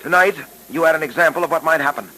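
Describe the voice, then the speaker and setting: An actor playing an earnest male police detective in a 1940s radio drama, speaking calmly and with authority. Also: a little high, a little hiss or hum, low-quality recording. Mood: tense. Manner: calm, measured, authoritative.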